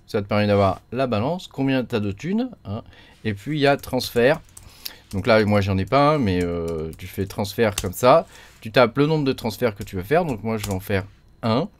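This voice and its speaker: A man's voice: fairly low pitch, lively intonation, moderate pace. A man talks through a computer tutorial in a casual, chatty way, full of fillers and little tags. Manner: chatty, many fillers and tag "hein". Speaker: crypto mining tutorial host. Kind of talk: casual screen-recorded tutorial.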